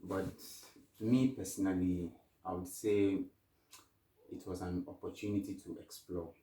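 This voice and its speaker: A man's voice: deep voice, fairly even intonation, measured pace, mellow, echoey room, distant mic, slight background noise, poor audio. A young man from Ghana, a guest in a casual interview, answering thoughtfully with many restarts.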